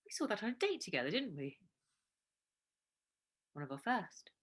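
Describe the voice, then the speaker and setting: A woman's voice: mid-range voice, wildly swooping pitch, normal speed, breathy edge. An actress playing an anxious woman with a London accent, cooking dinner for her partner and talking in a fretful, hesitant way in a naturalistic stage drama. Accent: London English. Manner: fretful, hesitant, restarts when nervous. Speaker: actor in a two-hander play.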